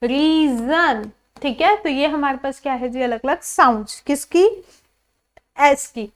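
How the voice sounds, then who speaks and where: A woman teaching English pronunciation to a class. She asks questions and answers them herself, and repeats each example word slowly. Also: high voice. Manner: calls the pupils "children", says "ji" often.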